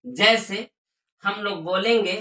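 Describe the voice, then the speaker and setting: A woman teaching English pronunciation, spelling out letters and repeating each word slowly for learners. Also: medium pitch, fairly bright tone. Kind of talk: spoken language lesson. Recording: echoey room.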